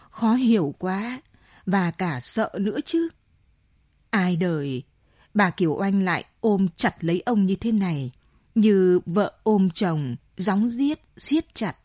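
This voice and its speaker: A woman narrating a novel in slow, measured storytelling, on a dull lo-fi audiobook recording. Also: mid-range voice, lively intonation, warm tone, slightly rough, no echo. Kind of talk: scripted narration. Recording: dull lo-fi recording with faint music.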